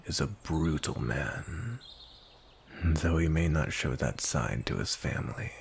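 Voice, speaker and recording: With a very deep, husky, gravelly voice, a man plays a grumpy, cold, commanding vampire knight for a roleplay ASMR, speaking sternly and in measured fashion. Slight background noise can be heard.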